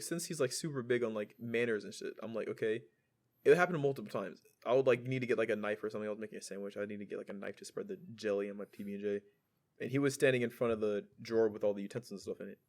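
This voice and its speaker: A man co-hosting a podcast, telling a story in casual chat, full of fillers and laughter. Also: medium pitch. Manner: storytelling with frequent likes and laughter. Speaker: podcast co-host.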